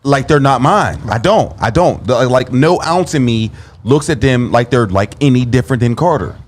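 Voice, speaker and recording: A man's voice: mid-range voice, animated, moderate pace, a little hiss or hum. A man talking casually on a podcast, earnest and repeating himself when he insists on a point. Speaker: podcast co-host.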